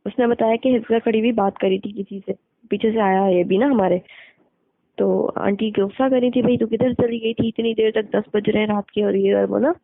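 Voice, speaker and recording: This young woman talks briskly in a medium-pitched, steady voice with no room sound, on a narrow, dry phone recording. In blunt, colloquial chat she recounts gossip from her school days, quoting the people involved.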